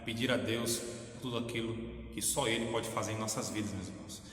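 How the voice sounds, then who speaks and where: A man's voice: lowish voice, fairly even intonation, brisk, fairly bright tone, slight background noise. A man, a pastor leading a fervent closing prayer and giving announcements, repeating "Senhor" and "ó Pai" between phrases. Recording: echoey room with long reverb, faint ambience.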